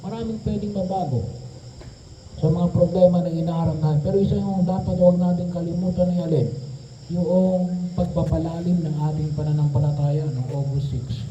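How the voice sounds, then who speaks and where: A priest giving a homily, often pausing on tag questions. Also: male voice, a little high, steady tone, mellow. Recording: echoey room from a distance, dull sound, faint noise.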